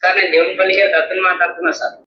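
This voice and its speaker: Calling about a local problem, this man speaks with a Telangana Telugu accent and keeps his tone deferential, repeatedly addressing someone as sir. His high voice comes out flat and rapid-fire over a dull, echoey, noisy phone connection.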